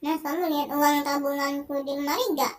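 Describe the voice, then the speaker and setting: A scared young wife from a video game begs and pleads in a high, distressed voice, as a young gamer reads her lines aloud. The pitch stays raised and each line sounds fragile and hurt. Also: little pitch movement, brisk, natural voice. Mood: pleading. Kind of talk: game dialogue read aloud.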